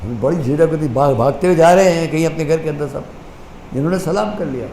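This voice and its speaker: Impassioned preacher in an echoey hall. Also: male voice, a little high, slight background noise. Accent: Indian Urdu. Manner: impassioned, stretches Quranic phrases slowly, drops to a soft voice to act out exchanges. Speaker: maulana preaching at a majlis. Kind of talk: Urdu religious sermon. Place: mourning hall. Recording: echoey hall, faint ambience.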